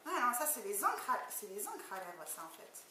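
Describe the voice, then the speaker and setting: Female beauty vlogger, chatty and excited, far from the mic in a noisy, echoey room. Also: medium pitch, normal speed. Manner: chatty, enthusiastic, many fillers. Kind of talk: casual product unboxing. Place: indoor room, far from the camera. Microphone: camera mic at a distance. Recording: echoey room, distant mic, background noise.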